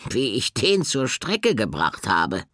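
A man doing a slow grumbling male bird. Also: mid-range voice, wildly swooping pitch, fairly bright tone, dry recording, studio quality, pitched above the performer's own voice, exaggerated voice. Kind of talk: audiobook character voice.

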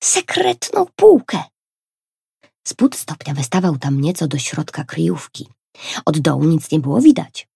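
Husky, expressive woman reading a children's story. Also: sits low, unhurried, no echo, studio quality. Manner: expressive, gentle.

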